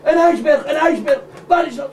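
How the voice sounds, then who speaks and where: A man's voice: extremely high pitch, moderate pace, pitched above the performer's own voice. A man playing a stammering, panicky young sailor. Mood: panicked. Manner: stammering, frantic shouting. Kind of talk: live puppet show. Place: museum room. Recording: echoey room, distant mic, noisy.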